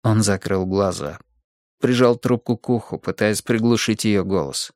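A man reading a novel aloud in a measured, even narration. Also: lowish voice, no echo, studio quality. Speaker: audiobook narrator. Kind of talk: scripted narration.

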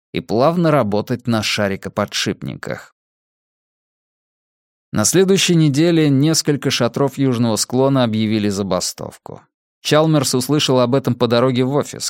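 A man reading an audiobook with measured, expressive narration. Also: mid-range voice, no echo, studio quality.

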